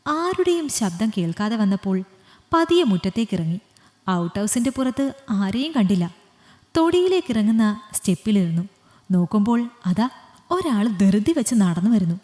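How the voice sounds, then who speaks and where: A woman storyteller narrating an audiobook story in a steady, expressive reading voice. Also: medium pitch, moderate pace. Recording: long room reverb.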